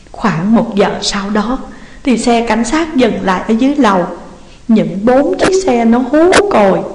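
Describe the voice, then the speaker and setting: A tearful middle-aged mother, as a woman reader puts her on, begging in slow, sobbing phrases, her voice raised higher than the narration. The reading sits in a roomy space with a long, hall-like reverb trailing each line. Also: a little mellow, close to an everyday voice. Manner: sobbing, slow and drawn-out pleading. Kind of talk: audiobook reading.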